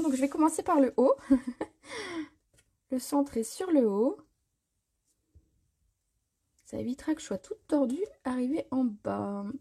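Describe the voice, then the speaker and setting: A woman hosting a live craft tutorial, chatting casually, answering viewer comments and filling pauses with little words as she works. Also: high voice, warm tone, slightly rough. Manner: chatty, reads viewer comments aloud, frequent fillers. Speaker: crafting demonstrator. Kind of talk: live stream tutorial chat.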